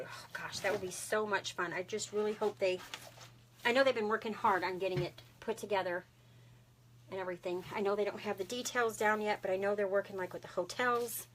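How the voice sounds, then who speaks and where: A bubbly woman with a Texan drawl hosts a live craft stream at her home table. She talks to viewers in a chatty, friendly way, drops a lot of "y'all," and laughs often. A faint hiss of noise sits under her voice. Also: mid-range voice. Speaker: craft livestream host.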